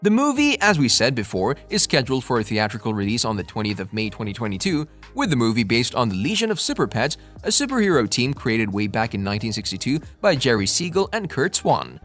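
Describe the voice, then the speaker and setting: A man's voice: medium pitch, big pitch swings, fast talker, hardly any pauses, fairly bright tone. A man reading a scripted movie-news narration as the narrator. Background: faint music.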